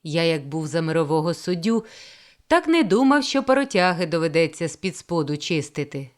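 A woman voicing a boastful middle-aged male railway inspector, loud and drawling as he tells his tale. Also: low-pitched, sing-song, normal speed. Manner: loud, drawling, self-pleased storytelling.

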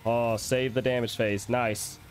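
A man's voice: mid-range voice, little pitch movement, measured pace. A man streaming a game, chatting casually and reacting with little exclamations while he has the hiccups. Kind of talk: casual gameplay commentary. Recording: faint music behind.

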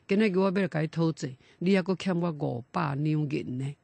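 A man voicing the ghost of a young son who has come back to collect an old debt, speaking calmly and solemnly. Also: a little high, a little fast, creaky, dry recording.

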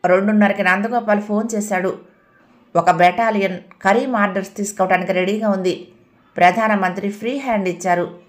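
A woman narrates a serialized audio novel in a calm, steady way, with a medium-pitched voice. Her reading is even and measured, moving the story along without hurry.

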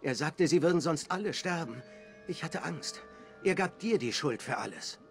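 Anxious, higher-voiced guard. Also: male voice, animated, moderate pace, gravelly, faint music behind. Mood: distraught. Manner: anxious, earnest. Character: frightened, guilt-ridden male guard. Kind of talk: video game dramatic voice acting.

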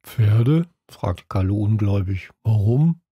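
Man voicing a deadpan teasing schoolboy. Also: fairly low pitch, normal speed, slightly rough, no echo, muffled recording. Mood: incredulous. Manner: dry, deadpan. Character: dry-witted teasing schoolboy Kalu.

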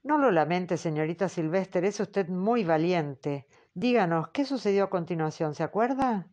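Formal male interrogator, measured and patient; woman audiobook reader doing him. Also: lowish voice, lively intonation, darkish tone, close to an everyday voice. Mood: probing. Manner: slow, formal, questioning. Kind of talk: audiobook character reading.

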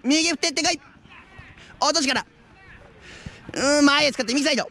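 A man giving live futsal commentary outdoors, with excited calls that rise into drawn-out goal shouts. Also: very high voice. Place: outdoor floodlit futsal pitch at night. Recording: outdoor action camera with ambient noise.

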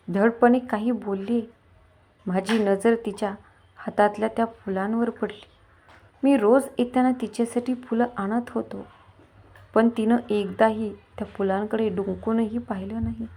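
A woman narrating a dramatic story in the first person with expressive storytelling. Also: medium pitch.

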